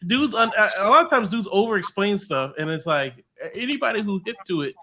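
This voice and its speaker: A man's voice: high voice, lively intonation, a little fast, pushed and bright, a little hiss or hum. A man, co-hosting a podcast in loose, rambling casual commentary full of restarts. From United States. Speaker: podcast co-host.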